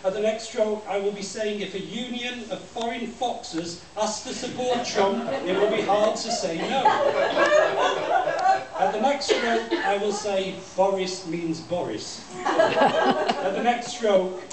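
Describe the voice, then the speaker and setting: His voice sits high as this male poet reads a poem aloud to a room, measured and declamatory in a repetitive deadpan way. It is a small library space with an audience, and the audio comes from a far-off camera near a stand mic, so it's noisy and echoey.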